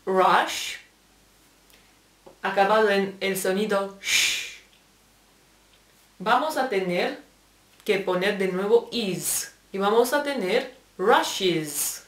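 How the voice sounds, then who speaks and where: Slow, patient Spanish woman teacher, echoey. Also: medium pitch, expressive, recorded from a distance. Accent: Spain Spanish. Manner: patient, spells out letters and repeats examples. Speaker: English teacher. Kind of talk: explaining grammar to Spanish-speaking learners. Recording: echoey room, voice set back from the mic.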